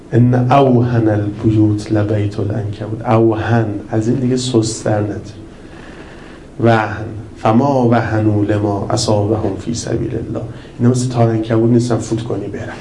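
A man's voice: mid-range voice, dark tone, slight background noise. A male preacher giving a conversational, humorous sermon with acted asides. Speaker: cleric preacher. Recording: echoey room with faint ambience.

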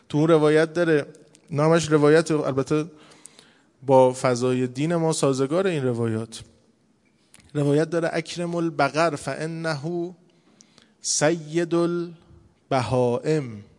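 A man giving a casual, conversational religious sermon as a preacher, telling stories and slowing down to recite scripture. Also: on the high side, darkish tone, big-room sound.

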